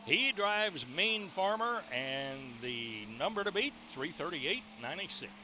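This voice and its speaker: A male tractor pull announcer presents the competition in a fairly high voice with very animated intonation. Engines and outdoor noise are clearly audible behind his play-by-play. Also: measured pace. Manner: presentational, introducing and recapping. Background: outdoor ambience and vehicle engines.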